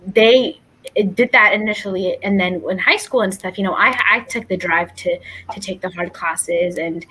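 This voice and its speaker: A woman's voice: medium pitch, moderate pace, bright, forceful tone, slightly rough. A young woman from Ethiopia speaks as a talk show guest in a mid-range voice. She answers the host's questions earnestly and reflects on each point as she goes, heard over a video call. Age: young adult. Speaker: guest, incoming college student. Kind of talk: interview answers.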